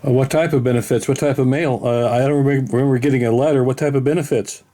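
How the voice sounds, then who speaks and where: A man's voice: medium pitch, fairly even intonation, dark tone. A man baiting a phone scammer by acting confused, stammering and rambling as he asks the same question again and again. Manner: plays dumb, deliberately confused, rambling and stammering. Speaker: scam baiter posing as a retiree. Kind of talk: prank phone call.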